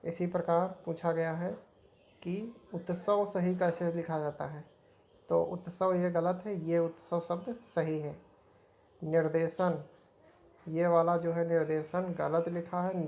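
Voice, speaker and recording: A woman's voice: fairly low pitch, level tone, takes it slowly, mellow, highs cut off. A woman teaching an exam-prep spelling lesson, repeating each word as she points out right and wrong forms.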